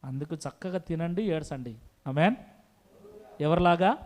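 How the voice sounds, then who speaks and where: A male preacher with a high voice, delivering an emphatic sermon. He asks rhetorical questions and repeats phrases for weight. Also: normal speed, darkish tone.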